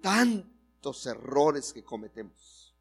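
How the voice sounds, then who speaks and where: A man's voice: mid-range voice, very animated, slow pace, vocal fry, slightly rough, soft background music. A male pastor preaching a sermon, telling a story and acting out the characters' lines while speaking directly to the congregation.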